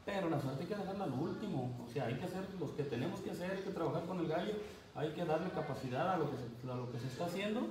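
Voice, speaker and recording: A man's voice: fairly high pitch, expressive, fast. Man, laughs as he tells stories, busy crowd in the background. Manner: laughs often while telling stories. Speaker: cockfight handler. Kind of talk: casual interview chat.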